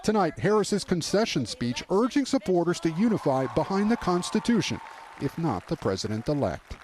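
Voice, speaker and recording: A man's voice: fairly high pitch, sing-song, moderate pace, noisy background. An American man delivering scripted television news narration as a correspondent.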